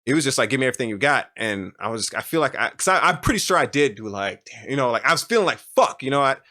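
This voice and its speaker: A man's voice: mid-range voice, very animated, fast, sharp tone. A man telling a personal story in casual chat, rambling and emotional, with many restarts and fillers. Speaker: podcast guest.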